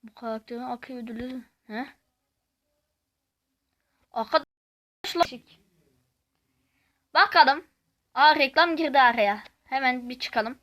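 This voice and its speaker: A woman gives casual gaming commentary as a host, reading questions aloud and reacting in an expressive, exclamatory way. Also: high voice, slow pace, long pauses.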